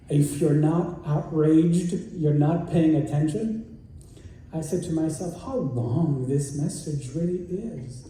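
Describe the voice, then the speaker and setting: A man delivers a sermon slowly and earnestly, leaning on repeated phrases. His voice is dark and mellow. It is picked up from a distance in a very echoey room. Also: a little high, slight background noise. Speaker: rabbi, guest speaker.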